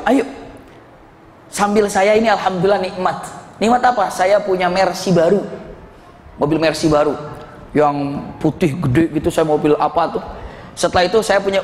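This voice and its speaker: A man preaching as an ustadz to a study gathering, telling stories lively and acting out the people in them. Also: sits high, slight background noise. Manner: animated storytelling, acts out voices in quotes. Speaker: ustadz giving a religious study talk. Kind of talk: sermon. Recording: echoey hall with long reverb.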